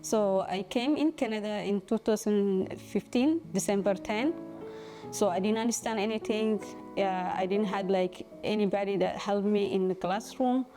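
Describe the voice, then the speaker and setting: A woman from Somalia, a former student giving a halting personal testimonial. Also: mid-range voice, music in the background. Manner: halting, simple phrasing, many fillers.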